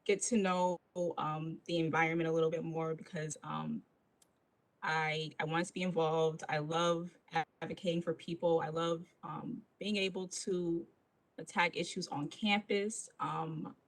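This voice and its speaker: A woman's voice: deep voice, flat delivery, a little slow, rough recording. A young woman from Buffalo, New York, giving a hesitant student campaign speech full of ums. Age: young adult. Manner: hesitant, many fillers. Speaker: student candidate.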